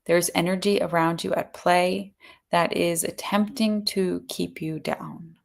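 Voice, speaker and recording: Creaky, solemn seance medium woman channeling spirits. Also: lowish voice, steady tone. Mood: solemn, foretelling. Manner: seance medium in trance, measured solemn pronouncements. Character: channeled spirit collective, solemn, serene seance guide speaking as "we". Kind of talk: trance channeling message.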